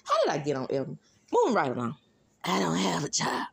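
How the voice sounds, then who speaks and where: Animated Mississippi-accented woman, sassy gossip. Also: lowish voice, quick pace, creaky, husky. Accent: Mississippi, Southern US. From Mississippi, United States. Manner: sassy, blunt, conversational asides. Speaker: YouTube gossip commentator. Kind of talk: casual celebrity gossip chat, solo commentary.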